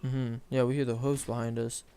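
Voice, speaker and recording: A man's voice: medium pitch, little pitch movement, brisk, a crowd in the background. A young man casually telling a story on a chat show, rambling with lots of fillers and self-corrections.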